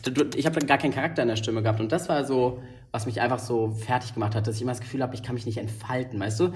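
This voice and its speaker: A man's voice: mid-range voice, rapid-fire. A young man talking openly and emphatically as a podcast guest, swearing now and then. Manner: emphatic, expressive, swears casually. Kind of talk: candid podcast conversation.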